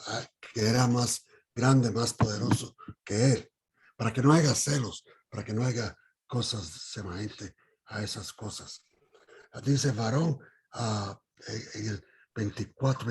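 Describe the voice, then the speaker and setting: Guy leading a bible study, talks slow, really husky voice, lots of ums and restarts, keeps asking the group questions. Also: mid-range voice, a little mellow. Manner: halting, with many fillers and restarts.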